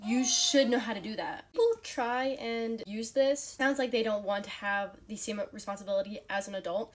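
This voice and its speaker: A young woman in her late teens speaks to camera with a slightly high voice. She makes her points bluntly and leans hard on each one. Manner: emphatic, blunt, rising to forceful points. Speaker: young wife and mother sharing opinions. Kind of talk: opinion talk to camera.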